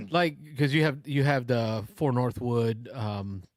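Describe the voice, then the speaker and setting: A man's voice: medium pitch, slow, no room sound, studio quality. A man in his forties hosting a call-in show, chatting casually and telling stories. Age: 40s. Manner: chatty, storytelling. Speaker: host. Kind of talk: casual chat.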